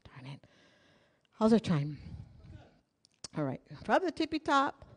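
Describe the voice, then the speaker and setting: Dancing as she instructs, a middle-aged hula teacher speaks slowly in a mid-range voice with big pitch swings and a breathy edge. She counts beats, half-sings the lyrics, and tosses in jokes and asides in a playful, chatty manner, in a small studio room with curtains and wooden flooring.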